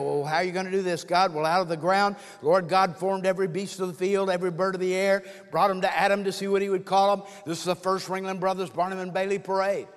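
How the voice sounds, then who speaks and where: An older man preaching a sermon with folksy humor, telling stories and joking with his audience. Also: high voice. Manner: folksy storytelling with jokes and playful asides. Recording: long hall reverb.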